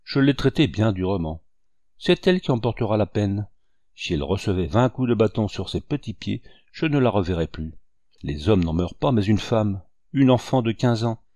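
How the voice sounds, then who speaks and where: Man reads old brigand chief: gruff, low, remorseful, dry close recording. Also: sing-song, normal speed, dark tone, no room sound. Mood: grieving, fierce. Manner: gruff, lamenting. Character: old male brigand chief, fierce yet grieving.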